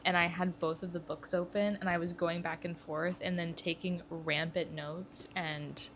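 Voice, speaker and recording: A woman's voice: lowish voice, flat delivery, normal speed, fairly bright tone, slight background noise. A young woman co-hosting a casual book-discussion podcast, eager and thinking aloud as she talks. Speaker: podcast co-host.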